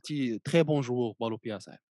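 Very fast-talking man with a Moroccan Arabic accent. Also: mid-range voice, dark tone, no room sound, studio quality. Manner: mixes French words into speech, repeats phrases. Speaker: football pundit. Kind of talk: casual football chat.

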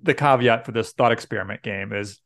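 A man's voice: fairly low pitch, a little fast, fairly bright tone, dry recording, clean studio sound. A middle-aged man, a pastor co-hosting a podcast, talking casually with lots of fillers and easy laughs. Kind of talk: casual chat.

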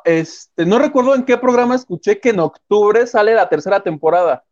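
A man's voice: sits high, normal speed, darkish tone. A man co-hosting a live watch-along, laid-back and chuckling. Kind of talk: casual live chat. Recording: dull lo-fi sound.

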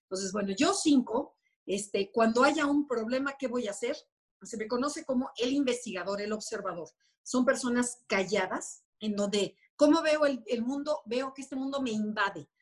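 A woman explaining personality types in a lively, conversational way, often acting out little quoted voices. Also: on the high side, normal speed, husky. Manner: animated, acts out quoted voices. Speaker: enneagram expert guest.

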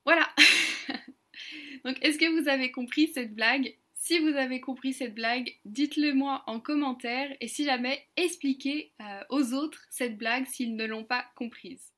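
A woman, host of an online lesson, talking to viewers in a friendly, clear way. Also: sits high, normal speed, few pauses. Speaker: French teacher and channel host.

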